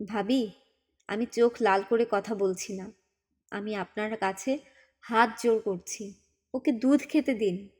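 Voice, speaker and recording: A woman's voice: medium pitch, unhurried, pauses often, darkish tone, lightly acted. A woman voicing an earnest young uncle who pleads firmly with his sister-in-law in an audiobook. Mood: pleading, firm. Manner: pleading yet firm.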